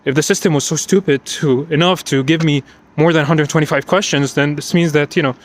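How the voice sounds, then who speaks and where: A man's voice: fairly high pitch, fairly even intonation, fairly quick. A man telling a story while walking outdoors, out of breath, emotional and repetitive, often restarting his sentences. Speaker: vlogger recounting an exam. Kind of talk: unscripted personal vlog.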